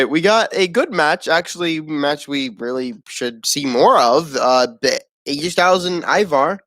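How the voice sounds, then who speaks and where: A man's voice: medium pitch, a bit bright, no echo, studio quality. A man giving a casual, opinionated wrestling review, rambling, swearing and laughing at the show.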